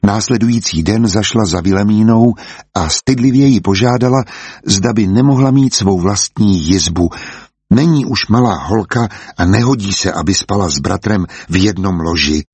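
A man reading an audiobook aloud in a calm, measured storytelling manner. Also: on the low side, breathy edge, dry recording. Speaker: audiobook narrator. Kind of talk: scripted audiobook narration.

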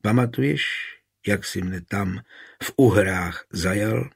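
A man reading the lines of a dying queen in an audiobook, speaking softly and frankly. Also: fairly low pitch, gravelly, husky. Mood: tender, weak.

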